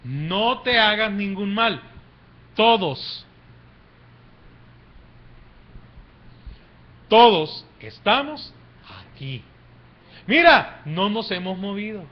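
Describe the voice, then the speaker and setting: A preacher doing the apostle Paul, slow and emphatic. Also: male voice, sits high, voice pushed up, lightly acted. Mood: urgent reassurance. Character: the apostle Paul, calm and reassuring. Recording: dull lo-fi church recording.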